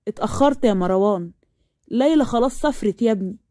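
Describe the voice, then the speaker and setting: A woman's voice: a little high, lively intonation, quick pace, dark tone, dry recording, studio quality, lightly acted. A woman voicing a coaxing, affectionate middle-aged mother with an Egyptian accent.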